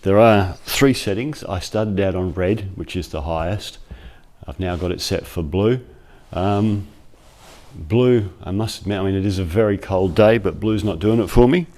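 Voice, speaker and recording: A man's voice: low voice, normal speed, darkish tone. A man giving a casual, chatty product review in his workshop, thinking aloud as he goes, on a clip-on mic. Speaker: workshop vlogger. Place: cold workshop. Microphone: clip-on lapel mic.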